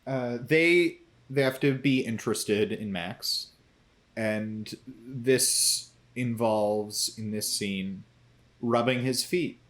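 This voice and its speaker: A young man co-hosting a casual podcast chat, talking animatedly with quick asides and playful quoted voices. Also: mid-range voice, fairly bright tone. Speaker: podcast co-host.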